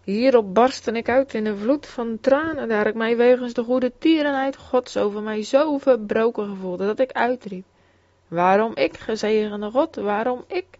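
A woman reading an old religious memoir aloud in a steady, solemn way. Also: on the high side, moderate pace, hardly any pauses, no echo. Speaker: reader. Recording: dull, dry, slightly lo-fi recording.

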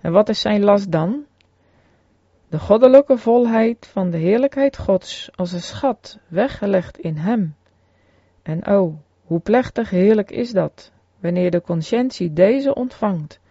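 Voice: medium pitch, expressive, mellow, no echo, muffled recording. Solemn man reading a sermon. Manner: solemn, earnest, measured. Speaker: preacher.

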